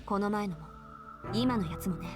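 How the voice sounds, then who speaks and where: A woman's voice: medium pitch, fast talker, over music, natural voice. An actress playing a cool, brusque young magician girl in a visual novel, curt and dismissive. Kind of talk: Japanese visual novel voice acting.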